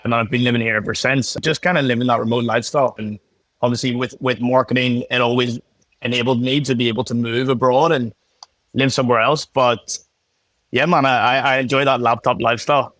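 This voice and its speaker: A young man with a strong Belfast accent talks in a relaxed, chatty way, full of little fillers and restarts. His voice sits at an ordinary pitch and sounds dry and close. He comes across as a casual podcast guest on a video call. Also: fairly quick, dry recording. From Northern Ireland. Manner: laid-back, chatty, many fillers and restarts. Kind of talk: casual interview chat.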